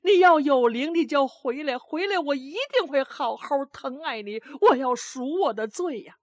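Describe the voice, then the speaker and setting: A woman's voice: fairly high pitch, lively intonation, a little slow, dry recording. A woman voicing a grieving old grandmother who scolds, then pleads with remorse. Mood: wailing.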